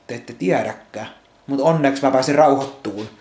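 A man's voice: medium pitch, darkish tone, roomy sound. A man vlogging from his home, ranting angrily about a burst bottle, swearing constantly and repeating himself. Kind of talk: angry rambling vlog rant. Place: at home indoors.

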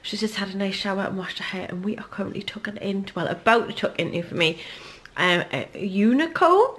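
A woman's voice: medium pitch, animated, fairly quick, fairly bright tone. A woman in her thirties with a Geordie accent, chatting casually to her camera at home in a rambling family vlog. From North East England. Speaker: vlogger, mother.

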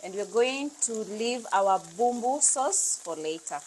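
A woman's voice: a little high, animated, unhurried, a little mellow, a little hiss or hum. A woman in her thirties with a Kenyan accent, hosting a casual cooking demonstration in her home kitchen and chatting freely with viewers. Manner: chatty, mixing English with Swahili phrases. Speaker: cooking show host. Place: bright home kitchen, indoors.

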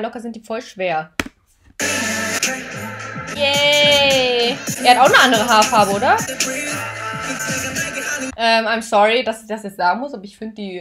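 A woman YouTuber giving excited reaction commentary, gushing with frequent exclamations and English phrases. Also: on the high side. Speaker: YouTuber reacting to a music video. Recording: the reacted-to music playing clearly behind her.

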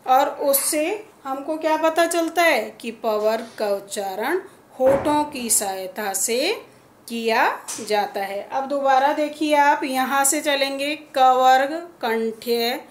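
Woman teacher with a Hindi accent, higher pitch, slow and patient, echoey room. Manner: slow, patient, repeats sounds one by one. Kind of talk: classroom lesson on pronunciation. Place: school classroom.

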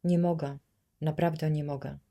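Soft earnest little boy, pious, audiobook, a woman reads him. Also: low voice, little pitch movement, moderate pace. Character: gentle pious young boy.

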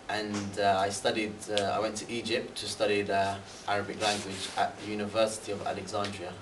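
Seated in a big indoor room hung with a banner, a young British man, a university student and guest speaker, answers questions about his studies abroad. His voice is lowish, and he rambles with many fillers and restarts while gesturing animatedly. The far-off camera gives an echoey sound with a faint hiss.

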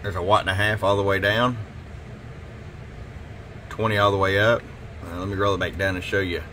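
A man's voice: sits low, normal speed, a little hiss or hum. A man who runs a CB radio shop, talking casually through a radio test at his workbench. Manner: relaxed, folksy, repeats "hello" into the mic while testing. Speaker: CB radio shop owner and technician. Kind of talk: casual workshop demo talk. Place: radio repair workbench indoors.

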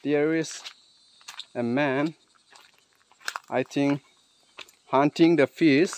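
A man narrating an outdoor exploration vlog in halting, short, repeated phrases. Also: a little high, steady tone, slight background noise. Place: outdoors on riverbed, hillside and forest.

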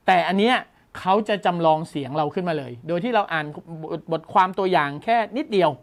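A man hosting a tech news show, explaining a gadget in a casual, enthusiastic way and exclaiming often. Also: sits high.

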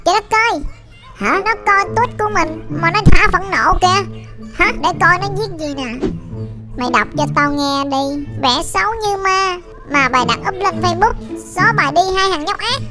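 A woman's voice: very high-pitched, expressive. Woman voicing a bratty boastful little boy. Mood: indignant. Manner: brash, bossy, quick to take offence. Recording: loud music behind.

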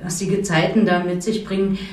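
A woman guest softly and dreamily telling a personal story on a talk show. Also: lowish voice, level tone, fairly quick, a little hiss or hum. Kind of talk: reflective personal account. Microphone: far camera. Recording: roomy sound from a distant mic.

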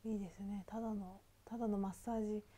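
A woman's voice: medium pitch, steady tone, quick pace, dark tone. A woman in her twenties chatting casually while seated for a foot massage, close on a lapel mic. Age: 20s. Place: small indoor treatment room, seated in a chair.

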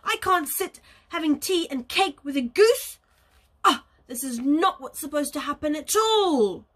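A woman voicing a grumpy, proud male lion in a children's story, speaking gruffly. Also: high-pitched, lively intonation, unhurried, a bit bright. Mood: indignant. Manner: gruff, indignant.

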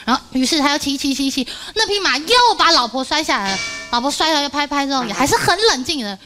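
Woman, high voice, animated joke teller on a TV comedy show, music in the background. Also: fast. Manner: animated storyteller, acting out the husband's anger. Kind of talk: telling a joke on a TV variety show.

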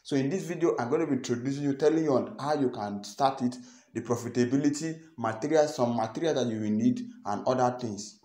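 A man's voice: medium pitch, a little fast, mellow. A young Nigerian man with a Nigerian accent, explaining step by step to camera and often repeating himself. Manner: repeats phrases, earnest and explanatory. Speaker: farming channel host. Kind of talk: instructional vlog talk to camera. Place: small indoor room. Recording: echoey small room.

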